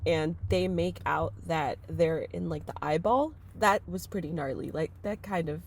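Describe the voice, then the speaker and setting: A young woman co-hosting a casual book-review podcast, lively and quick to laugh. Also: low-pitched, slight background noise. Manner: animated, laughing often, reads passages aloud. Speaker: podcast co-host.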